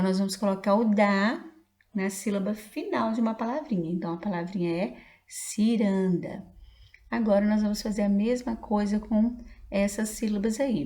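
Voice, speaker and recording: A woman's voice: mid-range voice, darkish tone. A woman teaching a reading lesson to young children, patiently spelling out syllables letter by letter. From Brazil.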